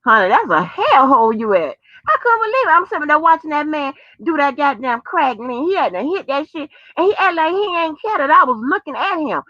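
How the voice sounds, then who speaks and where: A high-pitched, very animated American woman talks briskly with hardly any pauses, no echo, and dull lo-fi sound. Hosting, she rambles casually and profanely to viewers and on the phone, elongating exclamations and using folksy terms of address.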